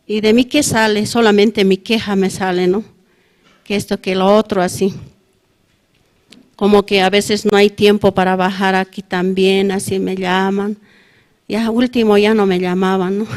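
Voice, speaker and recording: A woman's voice: medium pitch, darkish tone. A middle-aged woman with a Bolivian Spanish accent, giving a testimony at a prayer service in a plain, conversational way and ending nearly every phrase with a questioning tag. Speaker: church member giving testimony.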